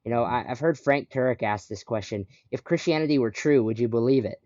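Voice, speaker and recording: A man hosts a conversational podcast interview in a brisk, medium-pitched voice with a darkish tone, backing up his guest and leading with follow-up questions. There's no echo, and the audio sounds dry, dull and lo-fi.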